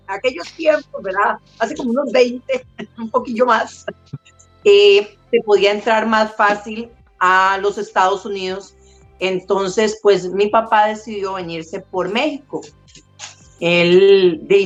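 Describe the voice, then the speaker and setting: A woman, a guest talking from her home over a video call in a proud, chatty way with many fillers. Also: medium pitch. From United States, Costa Rican parents. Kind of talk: casual interview conversation.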